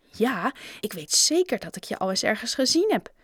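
A woman's voice: sing-song, moderate pace, a bit bright, husky, no room sound, heavily acted. Lady doing a pushy shopkeeper guy from a storybook, chatty salesy patter, dry close sound. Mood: eager salesman. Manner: eager, sales-pitch patter.

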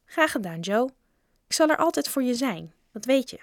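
A woman's voice: fairly high pitch, sing-song, normal speed, dry recording, studio quality, pitched above the performer's own voice. A woman doing a sugary old dinner lady. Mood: sweet. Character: kindly old female school dinner lady. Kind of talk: storybook reading.

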